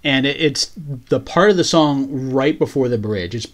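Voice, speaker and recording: Thoughtful podcast co-host, mid-pitched voice. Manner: thoughtful, explains background and meaning in measured turns. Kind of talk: casual chat recapping a TV episode.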